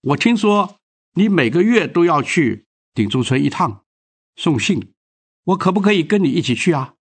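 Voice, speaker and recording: Polite, inquiring young policeman, a bit higher than the teller's own voice, as a male narrator acts him. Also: very animated, moderate pace, slightly rough, heavily acted. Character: newly posted young male police officer.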